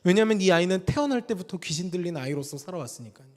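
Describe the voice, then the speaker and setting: A man preaching a sermon in earnest, swinging between loud emphatic lines and quiet low asides. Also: expressive, racing, in a large hall. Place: church sanctuary.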